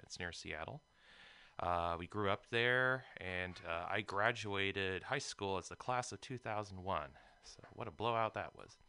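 A man in his thirties from the USA, a comedian guest chatting casually on a radio show, relaxed with chuckles between remarks. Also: deep voice, unhurried, clean tone. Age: 30s. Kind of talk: casual interview chat. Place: radio studio.

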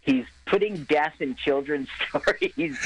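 A man's voice: medium pitch, a bit bright, slight background noise, rough recording. A man co-hosting a casual film commentary, talking in an opinionated, analytical way.

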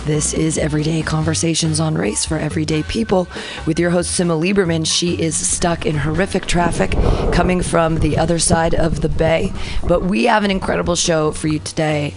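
A woman's voice: low-pitched, steady tone, a little fast, music in the background. A woman in her forties from California, a fill-in radio host, chatting in a bubbly, rambling, joking way. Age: 40s. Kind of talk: casual radio chat.

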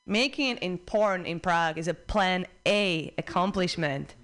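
A young woman from the Czech Republic with a Czech accent, doing a stand-up set at a comedy club in a dry, deadpan way. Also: lowish voice, a little slow.

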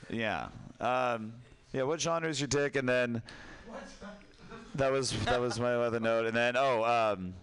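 A man giving halting, filler-heavy, wry feedback on a comedy set. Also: medium pitch, fairly bright tone. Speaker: fellow comic giving feedback. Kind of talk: casual feedback chat.

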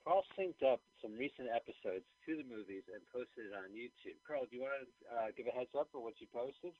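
A man's voice: mid-range voice, expressive, fairly quick. A man hosting a podcast over the phone, chatty and plugging the show. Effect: talking over the phone. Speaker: podcast host. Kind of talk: casual podcast chat. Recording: muffled telephone line.

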